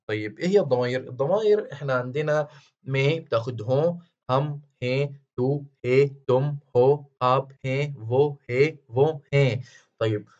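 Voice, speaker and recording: A man with an Egyptian Arabic accent giving an online grammar lesson, patient and repetitive, often pausing to check that the listener follows. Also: mid-range voice, a little mellow, highs cut off. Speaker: language teacher.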